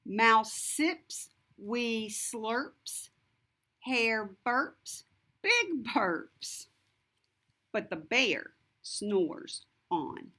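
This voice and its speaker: A woman reading a rhyming picture book aloud to children, expressive and deliberate, with a sing-song lilt. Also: on the high side. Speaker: storybook reader. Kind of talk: scripted children's read-aloud narration.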